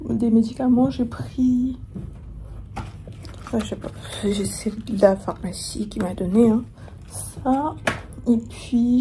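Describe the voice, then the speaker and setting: There's a little hiss or hum behind a young woman's warm, mid-range voice as she vlogs from her hotel room. A chatty travel vlogger with a sore throat and the beginnings of a cold, she rambles to camera, filling in and restarting often.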